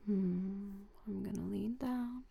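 A woman's voice: mid-range voice, gravelly, slightly rough, no room sound, exaggerated voice. A woman playing a possessive, whispering lover. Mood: possessive doting. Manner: slow, intimate half-whispering with soft giggles. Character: possessive, jealous, doting female lover. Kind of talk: audio roleplay addressed to the listener.

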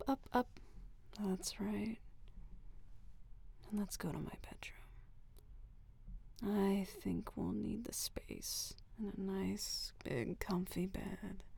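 A woman voicing a possessive, doting lover in an audio roleplay, murmuring in a slow, low-key half-whisper. The tone is dark and husky with a touch of fry. It is recorded close and dry, with no room sound. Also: no echo, heavily acted. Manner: slow, intimate half-whispering with soft giggles. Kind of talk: audio roleplay addressed to the listener.

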